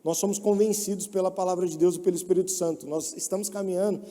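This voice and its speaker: A young man preaching a sermon, moving from soft, low pleading to loud mocking voices. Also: fairly even intonation, quick pace. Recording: long hall reverb.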